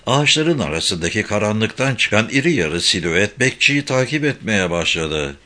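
A man narrating a crime novel audiobook in a steady, even reading. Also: on the low side, normal speed. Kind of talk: scripted narration.

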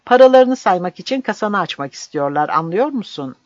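A reader voicing a grieving village barber who shouts his words into an old man's ear. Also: mid-range voice, lively intonation, moderate pace, dry recording, muffled recording, voice pushed up, natural voice. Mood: shouting. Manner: loud, pleading, shouting into an ear.

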